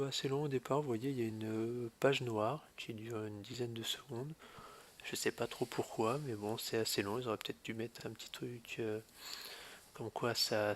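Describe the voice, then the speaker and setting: A man with a stuffy nose from a cold, casually walking through a mobile game, pausing often with hesitant fillers. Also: medium pitch. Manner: hesitant, fills pauses with "euh". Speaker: gaming video host. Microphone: phone or tablet screen recording.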